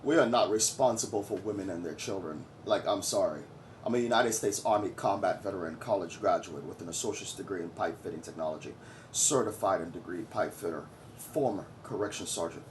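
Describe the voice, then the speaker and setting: A man's voice: deep voice, fairly quick, slight background noise. A man in his forties from Trinidad and Tobago, giving blunt, boastful opinion commentary to his viewers. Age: 40s. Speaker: vlogger.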